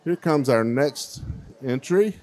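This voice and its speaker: The middle-aged host speaks slowly in a medium-pitched, slightly mellow voice with lively intonation. Holding a handheld mic in a big fair hall, he interviews children entered in a baking contest, keeping things chatty and encouraging.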